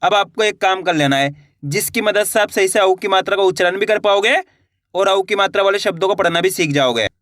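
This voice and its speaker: A teacher giving a slow reading lesson, spelling words out syllable by syllable and then blending them, reassuring viewers as friends. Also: medium pitch, fairly bright tone, dry recording, clean studio sound.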